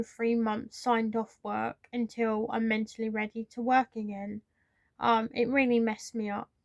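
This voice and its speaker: A young British woman recounts a personal story for her vlog, earnest and candid, with frustration showing through. Her voice sits somewhat high. It is recorded dry and close, with no echo around it. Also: creaky, lo-fi sound. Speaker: vlogger.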